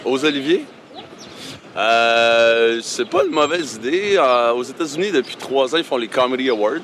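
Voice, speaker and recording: A man's voice: mid-range voice, animated, normal speed, a bit bright. A man answering a street interview, hesitant and thinking aloud with frequent fillers. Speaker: passer-by interviewee. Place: outdoors on a city street. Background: traffic noise.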